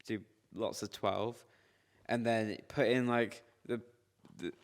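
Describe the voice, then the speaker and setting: A young man, chatting loosely on a podcast. His voice sits low, and his stories ramble along with plenty of filler words and slang. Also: steady tone, slow pace. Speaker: podcast co-host. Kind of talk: casual chat.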